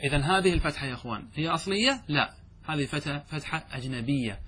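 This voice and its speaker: Man teaching a grammar lesson, husky voice, fairly high pitch, middle-aged, explains step by step and answers his own questions. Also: animated, quick pace, bright, forceful tone. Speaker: sheikh teaching Arabic grammar.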